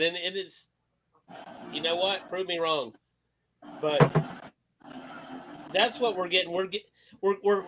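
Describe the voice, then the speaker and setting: A man's voice: sits high, bright, forceful tone, a little hiss or hum, rough recording. A man in his fifties hosting a casual sports talk show, rambling, opinionated and full of profanity. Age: 50s. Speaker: host.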